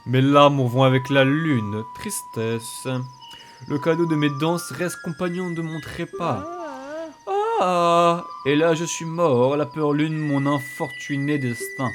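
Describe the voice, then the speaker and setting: A man's voice: a little high, fairly even intonation, music in the background, voice pushed up. A man doing a mournful dancer's ghost. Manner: lamenting, drawn-out and poetic.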